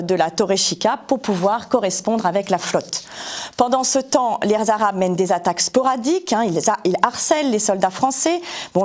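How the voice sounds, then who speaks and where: A woman's voice: medium pitch, a little mellow. A woman giving a spoken historical account, hesitant with frequent fillers and self-corrections. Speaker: history presenter.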